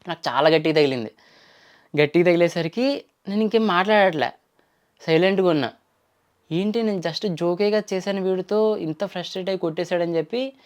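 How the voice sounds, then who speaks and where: A young man tells a personal story to his viewers in a loose, casual way. He wanders through it, stopping and restarting his sentences and filling gaps with little hesitations. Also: sits high. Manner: rambling, with frequent restarts and fillers. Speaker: YouTuber.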